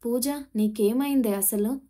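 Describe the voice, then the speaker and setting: A woman's voice: a little high, unhurried, dark tone. A woman voicing a stern, worried mother who scolds her daughter firmly, in an audio storybook. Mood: pleading. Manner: scolding, firm.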